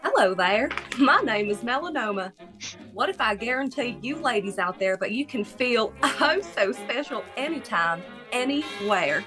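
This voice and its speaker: A woman's voice: fairly high pitch, expressive, moderate pace, natural voice. Woman playing a peppy radio saleswoman over music. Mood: peppy salesy. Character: peppy saleswoman pitching in a parody radio commercial. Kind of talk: parody radio advert.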